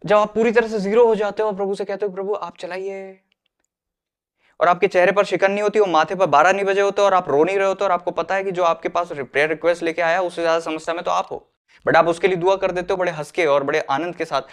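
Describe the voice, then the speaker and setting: A man's voice: sits high, steady tone, fast. A man preaching an earnest sermon, mixing English phrases into his talk and acting out the people he quotes. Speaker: pastor.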